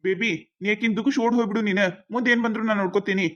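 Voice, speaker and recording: A woman's voice: medium pitch, fairly even intonation, very fast, a bit bright, close to an everyday voice. A woman with a North Karnataka Kannada accent voicing a henpecked village husband in a cartoon comedy, pleading and placating. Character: henpecked village husband caught between two women. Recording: dull lo-fi sound.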